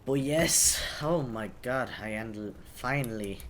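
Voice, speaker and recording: A man's voice: mid-range voice, takes it slowly, a little hiss or hum. A man giving casual video game commentary, hesitantly thinking aloud as he goes. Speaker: gaming commentator.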